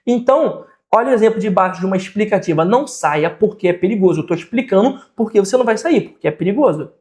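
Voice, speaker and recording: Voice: mid-range voice, lively intonation, fast, darkish tone. A teacher with a Brazilian Portuguese accent giving a grammar lesson, patiently repeating examples and often checking in with the listener.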